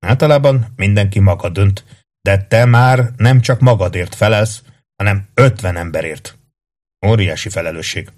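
A man voicing a seasoned male legionary who gives measured, steady advice. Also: fairly low pitch, lightly acted. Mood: calm. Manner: measured, advising.

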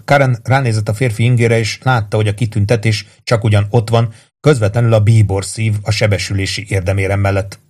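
Man, audiobook narration, lowish voice, even measured reading.

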